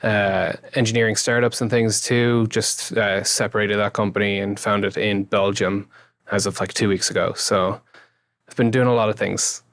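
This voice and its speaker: Low, creaky west of Ireland man. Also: flat delivery, normal speed, a bit bright, dry recording. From Galway, west of Ireland. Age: 30s. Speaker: interview guest, YouTube creator and engineer. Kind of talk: casual interview chat.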